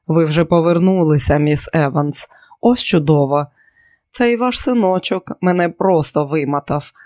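Audiobook role: chatty upbeat housekeeper read by a man, lively, a bit higher, dry recording. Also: unhurried, no echo, natural voice. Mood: cheerful. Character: cheerful older housekeeper woman, bustling.

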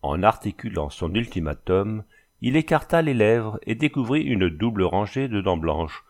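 A man reading a novel aloud, in a measured, even storytelling voice. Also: on the low side. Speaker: audiobook reader. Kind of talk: scripted literary narration.

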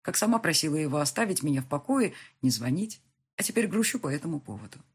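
Breathy female narrator for a reflective first-person audiobook. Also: low voice, big pitch swings, fast talker. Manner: intimate, reflective storytelling.

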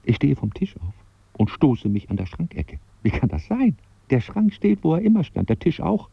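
A gravelly, brooding narrator. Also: male voice, big pitch swings, moderate pace, no room sound, highs cut off, exaggerated voice. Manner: brooding inner monologue, bursts into shrill rage. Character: self-conscious man losing control of his body. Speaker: first-person narrator of a radio play. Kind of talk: radio drama narration and acting.

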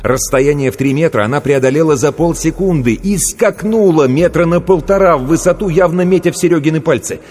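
Husky male audiobook narrator. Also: on the high side, fairly quick, hardly any pauses. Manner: expressive storytelling. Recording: long reverb, faint music.

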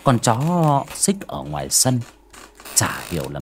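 A man's voice: medium pitch, huge pitch swings, takes it slowly, vocal fry. A man narrating a horror audiobook in a dramatic, suspenseful way. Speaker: storyteller.

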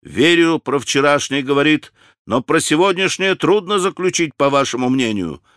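A male audiobook reader voicing a proud, indignant gentleman duelist, his questions sharp and raised. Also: on the high side, lively intonation, normal speed, no echo, studio quality. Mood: ironic. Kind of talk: audiobook character reading.

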